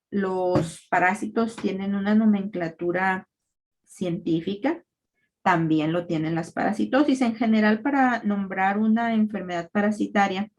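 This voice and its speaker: A woman giving a recorded parasitology lecture, explaining terms in a measured way with frequent fillers. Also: medium pitch.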